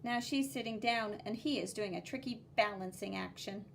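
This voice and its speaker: Here a teacher, female, walks kids through a picture book's drawings, keeping it simple and instructive, expressive, and sing-songy on the key words. Her pitch is medium, her pace moderate, her voice creaky, and there's slight background noise.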